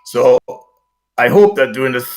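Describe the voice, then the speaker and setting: A Guyanese man in his seventies, a retired army officer, giving formal, measured interview answers over a video call. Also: mid-range voice, lively intonation, faint music behind, rough recording.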